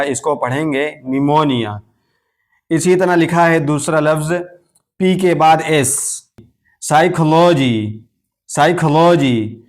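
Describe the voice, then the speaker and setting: A man teaching English pronunciation rules in a slow, methodical classroom style, saying each example word twice before explaining it. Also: fairly high pitch. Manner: uses Urdu-flavored terms for rules and letters.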